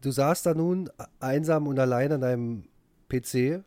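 A man hosts a relaxed podcast conversation in a mellow, soft-edged voice. His delivery halts and doubles back on words as he goes, and the recording is dry and close. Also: mid-range voice, no echo. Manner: halting, trailing speech with repeated words. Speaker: podcast host. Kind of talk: casual podcast chat.

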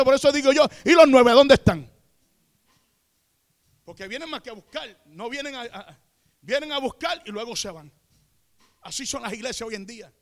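A Puerto Rican man preaching a fervent sermon, peppered with amén and aleluya, who has the congregation repeat after him and builds to shouts. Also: very high-pitched. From Puerto Rico. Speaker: pastor.

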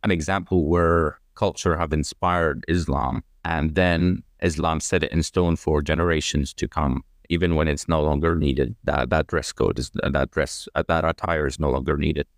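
Very deep-voiced man explaining at length. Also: steady tone, no echo, studio quality. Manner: measured, explanatory, frequent fillers and restarts. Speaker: guest. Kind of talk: conversational explanation.

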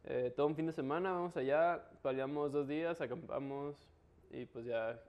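A man's voice: fairly high pitch, normal speed, darkish tone, clear, resonant tone, highs cut off. A man with a Mexican Spanish accent explaining things in a casual, slangy conversation. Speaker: interview guest, local trail biker.

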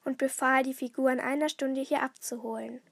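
A woman voicing an excitable young girl detective, eager and breathless. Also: sits high, fairly quick, gravelly, no echo.

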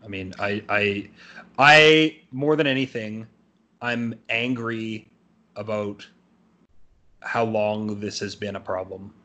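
A man's voice: on the low side, slow pace, long pauses, bright, forceful tone, muffled recording. A man co-hosting a casual podcast, stammering and trailing off as he talks. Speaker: podcast co-host.

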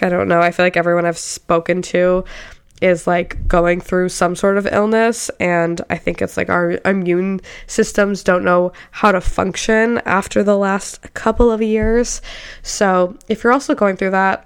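A woman's voice: lowish voice, vocal fry, smooth. A young woman hosting her own podcast in casual, candid chat, sounding congested from a cold and often saying "like". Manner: chatty, candid, says like often. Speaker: podcast host.

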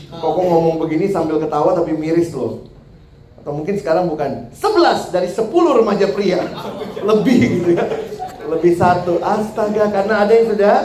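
A man's voice: high-pitched, dark tone. A man preaching a humorous sermon to young people, joking and laughing at his own jokes. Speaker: youth preacher. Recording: roomy hall sound with faint background noise.

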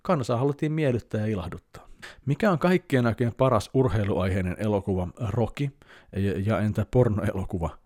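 Host, man, 30s, low mellow voice, rambling casual answers, dry close sound. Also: dry recording. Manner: rambling, hesitant with many fillers. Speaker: podcast host answering listener questions. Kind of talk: casual chat.

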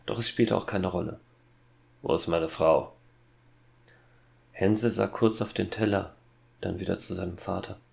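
A man giving measured, dark scripted narration of a horror fairy tale. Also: low voice, fairly even intonation, gravelly.

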